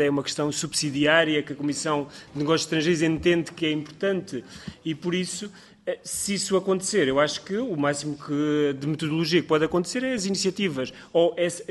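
Portuguese MP talking quick in a committee, bit high voice, keeps correcting himself. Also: male voice. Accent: European Portuguese. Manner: quick, thinking aloud, self-correcting. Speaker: member of parliament. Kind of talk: committee debate.

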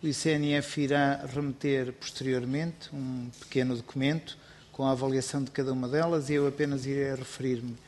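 A man's voice: mid-range voice, level tone, darkish tone, a little hiss or hum. Man, formal committee testimony, hesitant and bureaucratic, voice echoing in a long-reverb hall. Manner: measured, bureaucratic, many hesitation fillers. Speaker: agency president giving testimony. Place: parliamentary committee room.

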